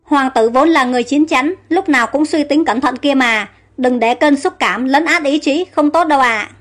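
A woman's voice: high voice, normal speed, a bit bright, faint music behind. A woman voicing a deferential male army captain who gives polite advice, in a read-aloud story. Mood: advising. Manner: polite, advising.

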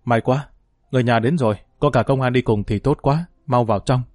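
A fussy middle-aged restaurant owner, as a man puts him on in a storybook, talking briskly. His voice stays close to the reader's own. The sound is dry. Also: mid-range voice, a little mellow, no room sound, soft background music, close to an everyday voice. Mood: relieved.

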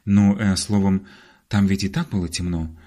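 A man's voice: sits low, steady tone, normal speed, warm tone. A man voicing a timid older male naturalist who hesitates and stumbles over fillers in an audiobook reading. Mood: apologetic.

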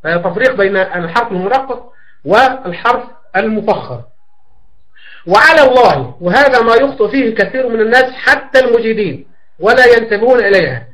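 High-pitched male tajweed teacher, patient, pausing, drawls demonstration words. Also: animated, fairly bright tone, rough recording. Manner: slow, drawn-out demonstration of letters and words; patient explaining with frequent pauses and fillers. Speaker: Quran recitation teacher. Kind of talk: tajweed lesson explaining a classical poem.

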